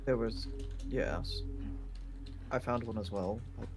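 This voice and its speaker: A man's voice: on the low side, slow pace, over music. A man chatting casually as a player in a tabletop role-playing game.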